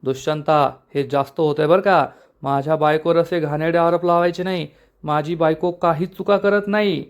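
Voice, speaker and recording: A hot-headed young husband, voiced by a man narrating, protesting loudly and arguing. His voice sits slightly high for a man. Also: steady tone, normal speed, natural voice. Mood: angry. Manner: angry, protesting.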